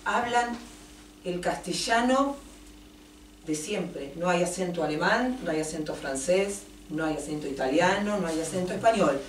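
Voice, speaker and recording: Woman, Argentine accent, impassioned book talk, emphatic, lowish voice, echoey room. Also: expressive, moderate pace. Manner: impassioned, emphatic, builds long lists. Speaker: author presenting her book. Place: event room in a café. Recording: roomy, distant mic, faint noise.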